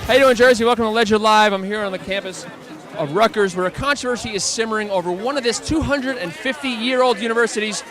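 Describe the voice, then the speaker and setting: A man's voice: high voice, quick pace, fairly bright tone, faint music behind. A man hosting and reporting from the field in a wisecracking, upbeat comic style.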